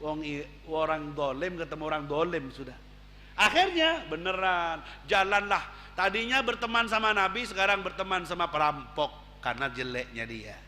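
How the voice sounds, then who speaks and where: A man preaching an Islamic sermon, telling stories animatedly, with swings between loud exclamations and low asides, recorded in an echoey hall. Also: normal speed, slight background noise. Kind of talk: religious sermon with storytelling.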